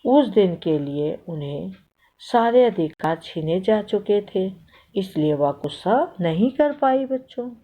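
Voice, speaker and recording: A woman's voice: medium pitch, expressive, takes it slowly, warm tone. A woman teacher reading a story aloud to a class, stopping to quiz the children and repeat their answers. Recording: tinny phone-like audio.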